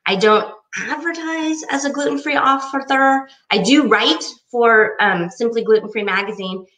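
Bright-voiced woman telling her story. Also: fairly high pitch, measured pace, roomy sound, far from the mic, low-quality recording. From United States. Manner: chatty and enthusiastic, acts out quoted voices. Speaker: cookbook author. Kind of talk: personal storytelling talk.

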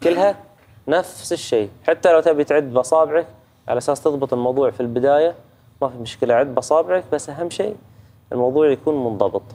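A man's voice: fairly high pitch, racing, warm tone. A man with a Gulf Arabic accent giving a reciter patient feedback on recitation rules, demonstrating sounds and checking in often. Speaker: Quran recitation judge. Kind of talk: tajweed teaching feedback.

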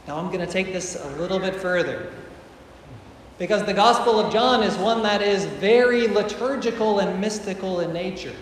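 Earnest priest preaching in a booming church. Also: male voice, noisy background. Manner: earnest, emphatic preaching with slow stressed phrases. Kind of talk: sermon. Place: large church with painted walls, congregation present. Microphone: far camera at the back of the church. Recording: very echoey church hall with faint ambience.

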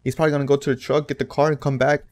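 Man, reaction host, mid-pitched, animated slangy ranting. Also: very fast. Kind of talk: casual reaction commentary.

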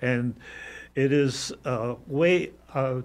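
A man's voice: mid-range voice, very slow. An older man hosting a casual interview in a TV studio, agreeable and chatty at a desk mic. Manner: chatty, agreeable, frequent yeahs. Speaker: host. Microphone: desk microphone on stand.

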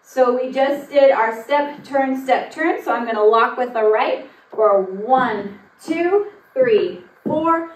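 Counting aloud as she moves, a young woman leads a step-by-step line dance lesson in a large wooden-floored studio, giving directions while she demonstrates. She speaks in a high-pitched voice and takes it slowly, captured by a distant mic with roomy sound and noise.

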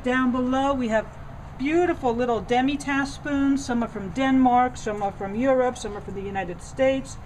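A woman's voice: high-pitched, normal speed, a little mellow, a little hiss or hum, low-quality recording. A middle-aged woman giving an enthusiastic, conversational tour of silver pieces in an antiques shop, with fillers and restarts, recorded on a nearby camera. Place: indoor antiques shop among display cases.

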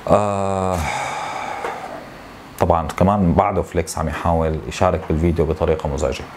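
A man in his thirties with a Syrian Arabic accent, venting to camera in a frustrated, complaining way, with halting repetitions. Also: low voice, little pitch movement, darkish tone, slight background noise. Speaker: tech YouTuber. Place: small home office, indoors.

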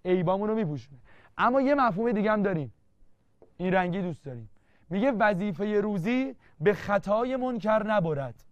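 A man's voice: high voice, animated, no echo. A man teaching an exam-prep literature lesson, playful and teasing, repeating key terms again and again to drill them. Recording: dull lo-fi dry sound.

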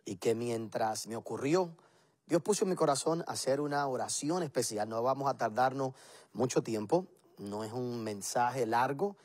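A man's voice: mid-range voice, moderate pace, darkish tone. A man, a pastor, preaching and praying on a televised program, earnest and building his points in emphatic repeated lists. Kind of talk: televised sermon and prayer.

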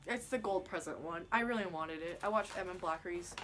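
A woman's voice: fairly low pitch, brisk, a bit bright, slight background noise. Chatty young woman vlogging from her bedroom. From Canada. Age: young adult. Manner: chatty, lots of "like" and "yeah". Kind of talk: casual vlog chat. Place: small bedroom indoors. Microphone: phone camera at arm's length.

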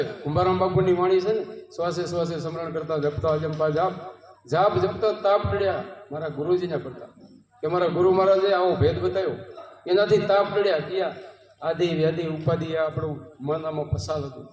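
A man's voice: a little high, a little fast, a little mellow, lo-fi sound. A man with a Gujarati accent giving a devotional satsang sermon, telling parables and asking rhetorical questions. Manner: storytelling, rhetorical questions, quoting devotional verses. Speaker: satsang preacher. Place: home courtyard gathering. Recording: roomy, distant mic with long reverb.

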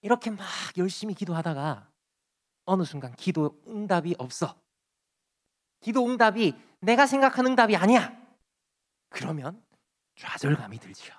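A man preaching a sermon as pastor, acting out pleading prayers and dropping from loud to soft. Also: high-pitched, very animated, moderate pace, long pauses. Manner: acts out pleading prayers in quoted voices, swings loud and soft. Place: church sanctuary.

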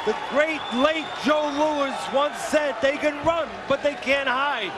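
A man's voice: very high voice, slow, heavy background noise. A man giving live boxing analysis on television. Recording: very loud arena crowd. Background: roaring arena crowd.

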